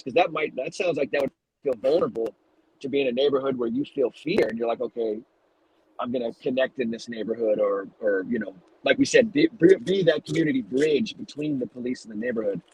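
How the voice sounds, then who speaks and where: Husky podcast host guy, mid-pitch, circles around his questions, curious and loose. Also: a little fast, darkish tone, poor audio. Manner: rambling, searching questions. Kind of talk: casual podcast interview.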